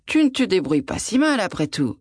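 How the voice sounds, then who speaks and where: A woman's voice: medium pitch, sing-song, brisk, a little mellow, no echo, clean studio sound. A woman voicing a greedy, scolding old peasant wife who shrilly demands more. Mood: pleased.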